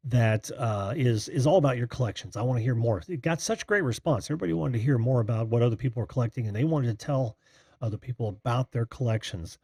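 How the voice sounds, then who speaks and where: An American man from Indiana with a breathy voice, hosting a casual live call-in stream in a rambling, familiar way as he greets viewers. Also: mid-range voice, warm tone, dry recording, clean studio sound. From Indiana, United States. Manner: rambling, distracted, friendly familiar address. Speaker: host of a live call-in show.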